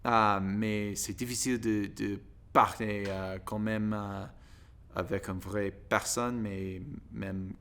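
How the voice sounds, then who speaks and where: An American man, a native English speaker, talks in halting broken French with a clean, smooth voice on the low side. He goes slowly, searching for words and slipping on grammar in a casual learner's monologue. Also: fairly even intonation, a bit bright. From United States. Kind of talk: casual monologue to camera in a second language.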